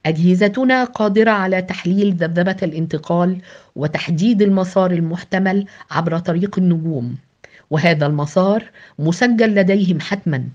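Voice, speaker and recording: A woman voicing a firm, measured male team leader in an audio novel. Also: lowish voice, darkish tone. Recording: dull lo-fi with background music.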